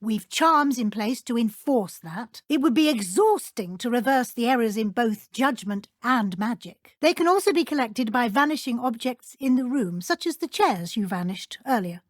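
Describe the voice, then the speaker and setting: An actress playing a brisk, stern but encouraging middle-aged British witch professor in a video game, speaking formally and precisely. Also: fairly high pitch, lively intonation, dry recording, studio quality. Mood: measured, instructive. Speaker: transfiguration teacher. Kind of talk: scripted video game dialogue.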